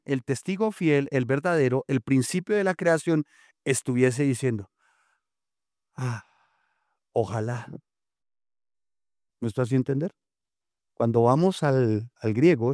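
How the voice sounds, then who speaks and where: A man preaching as pastor, reading scripture in a slow, drawn-out way and quizzing his congregation with jokes and scolding. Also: medium pitch, darkish tone, no room sound, clean studio sound. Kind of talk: interactive sermon with call-and-response.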